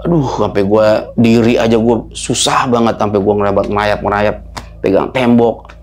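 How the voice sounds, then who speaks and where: A man, telling a story as a guest in a halting, repetitive way that sometimes sinks to a hushed whisper. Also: lowish voice, steady tone, slight background noise. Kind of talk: casual storytelling.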